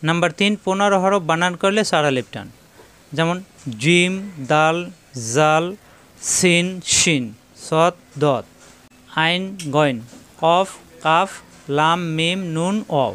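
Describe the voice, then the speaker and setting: Clear-voiced man teaching Arabic letters. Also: on the high side, a bit bright. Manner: spells out letters slowly and repeats drills. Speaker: Quran reading teacher. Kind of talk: spoken lesson on Arabic letters.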